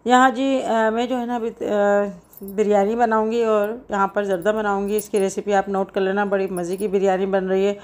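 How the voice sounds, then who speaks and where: A middle-aged woman talks through her home cooking vlog in a chatty, rambling way, full of small fillers. Her pitch stays level and flat. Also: normal speed, hardly any pauses. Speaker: cooking vlogger. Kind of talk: casual home vlog chat.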